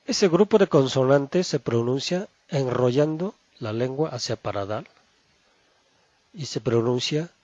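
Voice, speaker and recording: A man teaching Chinese pronunciation, saying each syllable slowly and twice over. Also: mid-range voice, animated, darkish tone, no room sound, muffled recording. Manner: slow, deliberate, repeats each syllable twice. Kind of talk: pronunciation lesson.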